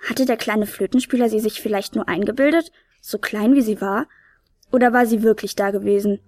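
A woman narrating a storybook in a calm, even storytelling manner. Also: medium pitch, a little fast, no room sound.

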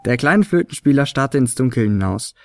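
A man narrating a children's Christmas story in a lively, expressive reading. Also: mid-range voice, moderate pace, vocal fry, loud music behind the voice.

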